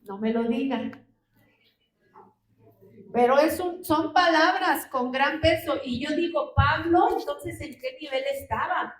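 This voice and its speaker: High-voiced woman preaching in an echoey hall. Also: slow, a little hiss or hum. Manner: asks the congregation rhetorical questions. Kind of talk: sermon. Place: church hall. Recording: roomy hall, distant mic.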